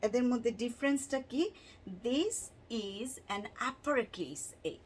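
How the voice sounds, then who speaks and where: Here the same kind of phonics lesson plays out: a Bangladeshi-accented woman moves between English and Bangla, stretching out words and repeating them slowly in a sing-song manner so children can learn letter sounds. Her pitch is fairly high, with a little hiss or hum on the recording.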